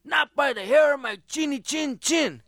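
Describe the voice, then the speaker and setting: A man voicing a sassy little pig in a comic story, taunting and yelling back. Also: very high-pitched, moderate pace, gravelly, voice pushed up, exaggerated voice.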